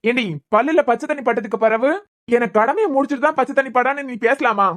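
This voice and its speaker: A woman with a high, fast, natural voice plays a teasing young husband in a cartoon web series. She gives the character a Kanyakumari Tamil accent and a mocking manner.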